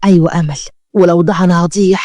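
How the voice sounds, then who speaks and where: A defiant, poor Egyptian woman who digs graves, read by a storyteller. She talks fast and insistently, pleading and determined. The recording is dry and close. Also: medium pitch, steady tone, a little mellow, no room sound, natural voice. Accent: Egyptian Arabic.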